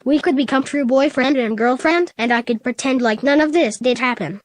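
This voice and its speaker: Bitter, shouting teen hedgehog boy, read by a woman, fairly high voice and dry sound. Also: moderate pace, dry recording, natural voice. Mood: brooding. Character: angry hurt teenage male hedgehog.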